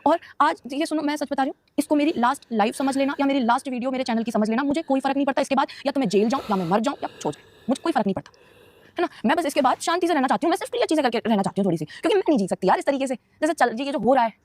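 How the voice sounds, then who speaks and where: A woman's voice: sits high, expressive, darkish tone. A young woman on a casual live stream answering viewers' questions, emotional and defensive, talking straight to her audience. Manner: emotional, rapid, defensive, addresses viewers directly.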